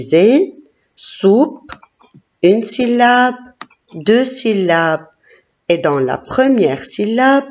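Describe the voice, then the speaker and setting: A woman teacher leading a classroom phonics lesson, slowly sounding out syllables and praising each child. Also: on the low side, darkish tone. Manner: slow, encouraging, sounding out syllables. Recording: dull lo-fi recording.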